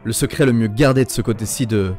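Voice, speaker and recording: A man playing a wry, proud young male villager narrating an animated film, as amateur dubbing. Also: on the low side, quick pace, faint music behind, close to an everyday voice.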